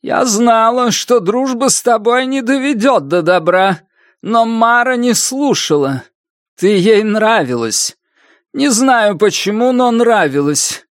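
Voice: medium pitch, lively intonation, takes it slowly, no room sound, pitched above the performer's own voice. Audiobook: narrator plays a cutting, spiteful old woman who snarls her words, dry close-mic read. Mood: harsh, scornful. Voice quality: harsh, cutting. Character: harsh, spiteful old woman, a village witch. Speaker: audiobook narrator voicing a character. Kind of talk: audiobook reading.

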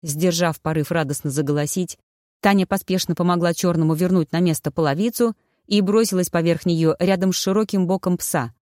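An audiobook narrator reading a fantasy story in a steady, even storytelling manner. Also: medium pitch, a little fast, dry recording, studio quality. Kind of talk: scripted narration.

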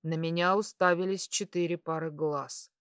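A woman reading a first-person story aloud in a calm, measured way. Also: on the low side, no room sound, studio quality. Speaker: audiobook narrator. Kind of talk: scripted first-person narration.

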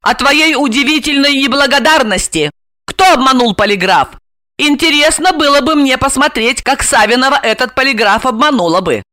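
Woman doing a shrill feisty housewife, loud and mocking, bright voice, audiobook. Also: expressive, normal speed, no echo. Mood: indignant, mocking. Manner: loud, indignant, sarcastic, high-pitched. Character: shrill, fiery young housewife heroine. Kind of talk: audiobook character voice.

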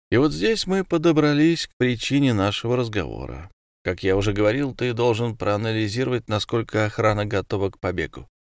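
Man doing an audiobook prison boss, cold, commanding, low voice, dry close sound. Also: clean tone, no echo. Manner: terse, commanding, distrustful. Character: cold calculating male prison gang boss.

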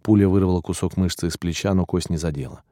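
A male audiobook narrator reading a first-person story in a steady, even way. His voice is very deep and mellow. The recording is dry and close, with no room around it. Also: fast talker, no room sound.

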